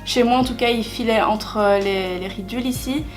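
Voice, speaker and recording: Chatty young woman with a bright voice. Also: fairly high pitch, moderate pace, faint music behind. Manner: chatty, full of filler hesitations, self-deprecating. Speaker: beauty vlogger. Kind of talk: makeup tutorial narration.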